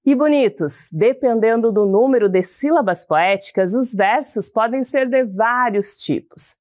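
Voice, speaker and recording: A woman teacher with a Brazilian Portuguese accent, giving a slow sing-song lesson to schoolchildren. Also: a little high, darkish tone, no room sound, clean studio sound. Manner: slow, sing-song, addresses pupils as "bonitos".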